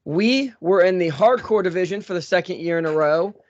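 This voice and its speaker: A man's voice: sits high, a little fast, dry recording. A man hosting a podcast, out of breath and chatting casually with lots of fillers and restarts. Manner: rambling with many fillers and restarts. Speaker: podcast host. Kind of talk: casual show intro and chat. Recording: dull lo-fi dry sound.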